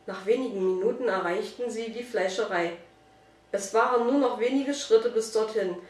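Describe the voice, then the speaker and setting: A woman's voice: fairly high pitch, normal speed, a little mellow. Woman reading a storybook aloud. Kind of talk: storybook read-aloud narration. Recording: roomy, distant mic.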